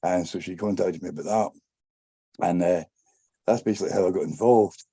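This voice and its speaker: A man with a very dark, low voice talks haltingly as an interview guest. It is rough and creaky, with long hesitations. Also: no room sound. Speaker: panel guest. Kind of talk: casual interview talk.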